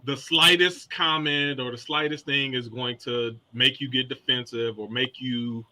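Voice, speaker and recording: A man on a live panel talk show, laying out his view deliberately and repeating words as he builds it. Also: mid-range voice, steady tone, bright, forceful tone, a little hiss or hum.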